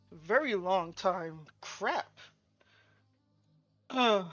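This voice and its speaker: Game streamer, casual stream chat, stuffed and sleepy, very slow drawl, loud music behind. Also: mid-range voice, lo-fi sound. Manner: drawling, rambling, laughing often. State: stuffed and sleepy after eating.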